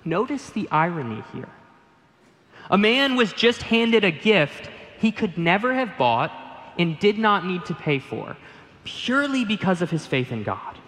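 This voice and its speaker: A man's voice: sits high, big pitch swings, a little slow, fairly bright tone. Man preaching in an echoing hall. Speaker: pastor. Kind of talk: sermon.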